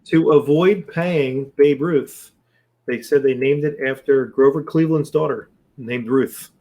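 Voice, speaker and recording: A man's voice: medium pitch, measured pace, muffled recording. A man co-hosting a casual podcast, dropping dry quips and trivia asides. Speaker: podcast co-host. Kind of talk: casual chat.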